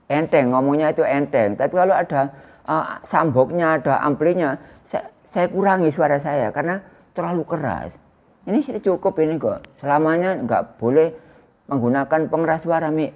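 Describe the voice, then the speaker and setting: A man in his sixties with an East Javanese accent, giving an Islamic study lecture to a small indoor congregation in a loud, projecting voice without a microphone, chatting with his listeners. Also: fairly high pitch, moderate pace. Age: 60s. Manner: conversational, teasing the audience. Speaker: religious teacher. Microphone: no loudspeaker or microphone used.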